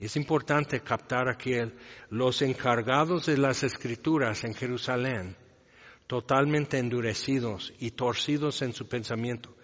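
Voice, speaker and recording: A man's voice: mid-range voice, measured pace, fairly bright tone. A man preaching a sermon as pastor, explaining a scripture passage in a conversational way with asides and rhetorical questions. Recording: long reverb, dull lo-fi sound.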